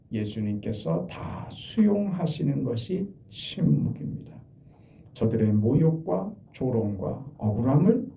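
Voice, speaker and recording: A middle-aged male pastor preaches an early-morning sermon in a dark, mellow voice with a gravelly edge. His pitch rises and falls in wide, lively sweeps. He pushes hard on key points, then lets his line endings sink to near silence. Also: a little hiss or hum. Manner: earnest, swings between loud emphasis and quiet trailing endings. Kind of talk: dawn prayer sermon.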